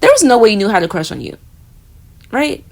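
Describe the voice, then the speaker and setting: A giddy young woman voices a flustered roommate with a jealous streak in a romantic audio roleplay, speaking straight to the listener before slipping into soft murmurs. Her mid-range voice is very animated, fairly quick and touched with vocal fry.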